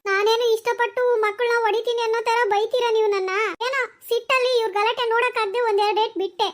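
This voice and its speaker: A woman's voice: very high voice, fairly even intonation, quick pace. Woman doing a hot-tempered cartoon mom. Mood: defensive. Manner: sharp, defensive scolding.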